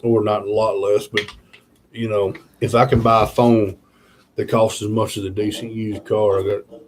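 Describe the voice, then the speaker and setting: A man's voice: lowish voice, flat delivery, moderate pace, a little hiss or hum. A tired man, chatting casually with viewers on a live stream, rambling with lots of fillers. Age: 30s. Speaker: channel host.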